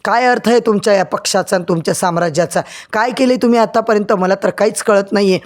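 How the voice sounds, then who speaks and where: A man's voice: sits high, fast talker, close to an everyday voice. A man voicing an angry young heir in a serial recap, indignant and demanding answers. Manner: indignant, shouting complaints.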